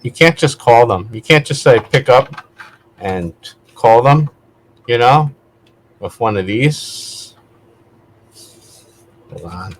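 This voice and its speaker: His medium-pitched voice has lively intonation, a slow pace and long pauses, recorded at low quality with slight background noise. This video host and vlogger chats in a casual, rambling way, digressing and correcting himself.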